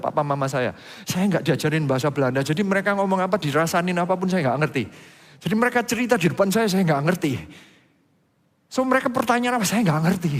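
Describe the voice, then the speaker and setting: A man gives a sermon-style testimony, telling his story in an animated way with his voice leaping up at the exciting parts. His voice sits on the higher side, and a long reverb from the church hall trails after each phrase. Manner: animated storytelling, pitch jumping up when excited. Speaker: preacher.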